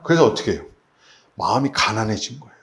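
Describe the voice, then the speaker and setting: A man's voice: lowish voice, big pitch swings, quick pace, fairly bright tone, echoey room. A man preaching a sermon as pastor, asking his congregation rhetorical questions. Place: church sanctuary.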